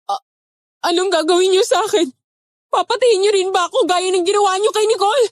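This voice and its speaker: A woman's voice: extremely high pitch, fairly quick, dry recording, studio quality. A woman playing a frightened young nanny held captive, pleading and stammering.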